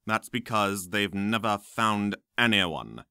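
A man voicing a sneering, spitting male potions professor in a storybook reading, drawing his words out in a low snarl. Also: expressive, sharp tone, clear, resonant tone, no echo, studio quality, full character voice. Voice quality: slow, snarling.

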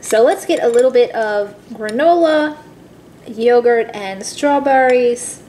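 Speaking slowly in a fairly high, mellow voice, a woman hosts a cooking video and guides viewers through an easy recipe one step at a time. Her chatty style addresses them as guys; the room echoes and there's faint noise behind her.

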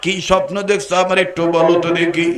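A man's voice: sits high, little pitch movement, quick pace, a bit bright. A male preacher playing a young migrant worker who weeps to his mother over an injury, in an echoey recording. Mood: weeping. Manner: sobbing, pleading. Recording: echoey sound system.

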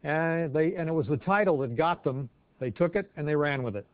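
A man in his fifties reporting a news segment from an office newsroom, in a brisk, measured reporter's manner. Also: on the high side, no echo, phone-quality sound. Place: office newsroom with desks and computers.

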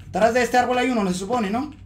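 High-voiced man streaming a shooter. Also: fast. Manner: chatty, talks himself through fights, mutters to calm down. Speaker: gaming streamer. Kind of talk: live gameplay commentary.

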